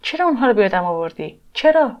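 A woman's voice: mid-range voice, big pitch swings, lightly acted. A woman voicing an energy being who is pained by old memories and pleads to forget them, in a dull lo-fi recording. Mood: agitated. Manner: pleading, agitated.

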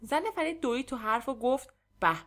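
A woman with a fairly high voice reads a comic story aloud, lively and expressive as she tells it. Her delivery keeps an easy storytelling rhythm. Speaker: narrator. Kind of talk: storytelling reading of a humorous story.

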